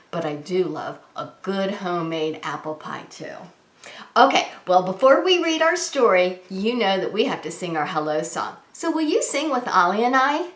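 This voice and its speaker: Speaking to small children at story time, a woman preschool teacher keeps her words simple and expressive and asks lots of questions during a read-aloud and singalong. Her voice is medium in pitch and a bit bright, with echoey room sound around it.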